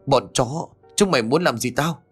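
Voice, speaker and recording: A man's voice: medium pitch, normal speed, breathy edge, soft background music, lightly acted. A man voicing a rude, spiteful young mistress who complains shrilly, in a spoken ghost story. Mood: rude defiant.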